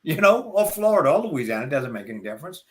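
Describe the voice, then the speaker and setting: An older man with a Southern US accent chats as an interview guest, pitched a little high for a man. He rambles in a folksy, opinionated way. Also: big pitch swings, fast talker, a bit bright, slight background noise. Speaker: guest speaker. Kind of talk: casual interview chat.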